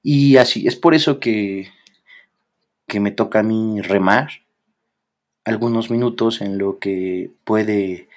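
Man, young adult, Mexican accent, podcast co-host, casual storytelling, animated. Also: on the low side, slow, long pauses. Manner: animated, slangy, acts out quoted voices.

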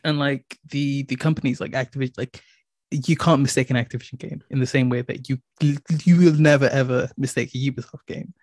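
A man's voice: mid-range voice, steady tone, a little fast, a little mellow, no echo, clean studio sound. A man co-hosting a casual gaming podcast, enthusiastic, with many restarts. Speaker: podcast co-host. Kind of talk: casual chat.

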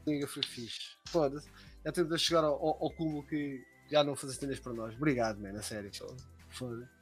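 A man's voice: mid-range voice, steady tone, a little fast, soft background music, poor audio. A young man with a European Portuguese accent chatting casually as a live stream co-host, slangy and full of swearing.

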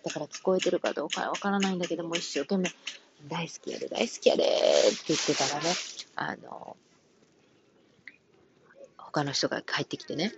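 A woman with a Kansai accent, gently telling a personal story from her work as a caregiver, with many soft fillers. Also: on the low side, normal speed, long pauses, highs cut off, noisy background. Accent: Kansai Japanese. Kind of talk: casual radio-style talk.

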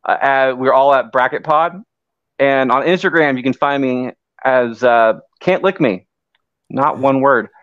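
A man's voice: mid-range voice, a little slow, a bit bright, no echo, dull audio. A man hosting a podcast in a casual, conversational way. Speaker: podcast host.

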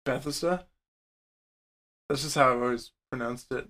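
Animated, swearing man ranting. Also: fairly high pitch, a little slow. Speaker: podcast co-host. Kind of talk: casual podcast chat.

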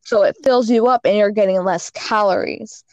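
A woman's voice: mid-range voice, moderate pace, darkish tone, no echo, dull audio. A woman guest on a casual podcast, giving frank fitness and diet advice with lots of "like" and "you know.".

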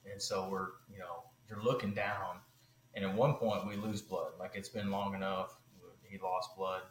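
A man, a podcast guest, telling a long story in a casual, animated way, with many fillers. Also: deep voice, normal speed, reverberant, a little hiss or hum, poor audio.

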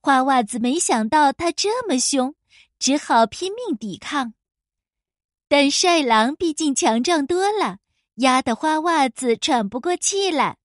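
High-voiced woman reading a children's story. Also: unhurried, no echo, clean studio sound. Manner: lively, expressive reading.

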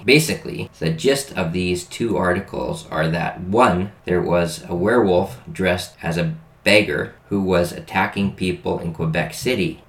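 A man co-hosting a podcast, reading old articles aloud and joking, stumbling over hard words. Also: sits low. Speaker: podcast co-host. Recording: echoey room.

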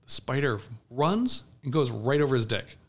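A man's voice: mid-range voice, normal speed, very noisy. A man co-hosting a podcast, telling a wild story in crude casual chat, laughing often and acting out what others said. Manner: animated, laughing often, crude, acts out others' lines loudly. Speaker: podcast co-host.

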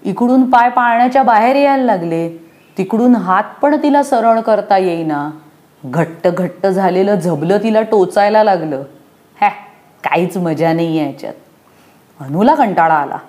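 A young woman narrating a children's storybook in a gentle, expressive read-aloud manner. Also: medium pitch, moderate pace.

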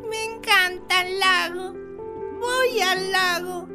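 A woman's voice: very high-pitched, slow pace, loud music behind the voice, voice pushed up. A woman putting on a mocking, childlike imitation voice in a radio drama.

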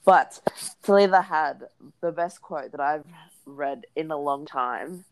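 A woman's voice: low voice, takes it slowly, poor audio. An Australian-accented woman chatting casually as a podcast co-host, blunt and sweary with Aussie slang.

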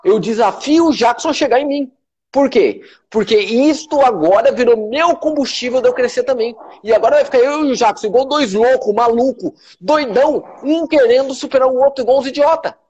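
A man with a Brazilian Portuguese accent hosts a motivational live stream for his followers, speaking emphatically, repeating himself and swearing freely. His voice is very high and slightly rough, with a darkish tone and a fairly quick pace.

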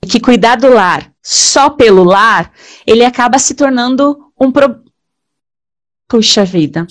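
A woman, a guest author, giving slow, halting answers on a live video call whose audio keeps breaking up and cutting out. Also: a little high, expressive, no room sound. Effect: choppy, breaking-up video call audio. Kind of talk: live-stream interview answers.

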